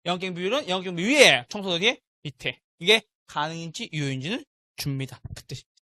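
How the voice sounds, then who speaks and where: A man's voice: high-pitched, animated, fast talker, sharp tone, no echo. A middle-aged man lecturing a live exam-prep class, drilling students with repeated call-and-response questions. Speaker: real estate exam lecturer.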